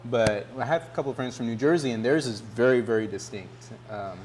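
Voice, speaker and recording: A man from Texas, co-hosting a casual chat show in a relaxed, easygoing way with plenty of "uh"s. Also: medium pitch, a little fast, a little hiss or hum. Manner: relaxed, uses "y'all", frequent "uh" fillers. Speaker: co-host.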